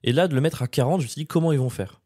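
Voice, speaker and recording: A man from France co-hosting a podcast, rambling and poking fun at himself in quick slangy bursts. The sound is dry and close to the mic. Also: a little high, warm tone, dry recording. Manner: slangy, rambling, self-mocking. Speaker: podcast co-host. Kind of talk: casual chat.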